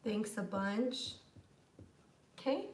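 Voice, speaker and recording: A woman's voice: mid-range voice, lively intonation, extremely slow, background noise. A young American woman teaching English in a live online class, patient and encouraging, reading out students' comments. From United States.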